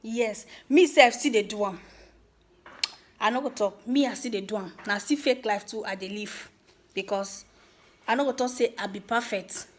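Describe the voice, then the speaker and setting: A woman's voice: mid-range voice, moderate pace. A woman with a Nigerian accent speaks Nigerian Pidgin in an informal, emphatic rant to viewers, teasing and repeating words for effect. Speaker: vlogger giving social commentary.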